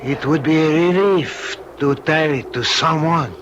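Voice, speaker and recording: An actor playing a tormented older Spanish nobleman in an old radio drama, with a solemn, halting, melodramatic delivery. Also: a little high, highs cut off, noisy background, natural voice. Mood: sorrowful confession.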